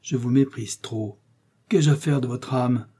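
A man's voice: medium pitch, unhurried, mellow, breathy edge. A man voicing a sinister, mocking man in a red coat, speaking with cold scorn in an audiobook reading. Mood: scornful.

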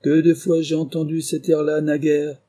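A man reading aloud, voicing a sly, confident male English detective in a lively, ironic manner. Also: normal speed, lightly acted. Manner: higher, lively, ironic delivery.

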